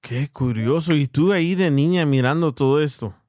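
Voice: medium pitch, normal speed, a little mellow, no room sound, studio quality. An interview host asking short, curious questions and giving brief replies.

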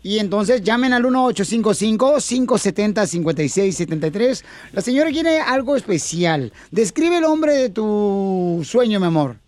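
A man hosting a radio show casually, with a teasing, flattering manner. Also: high voice, moderate pace, hardly any pauses, dry recording.

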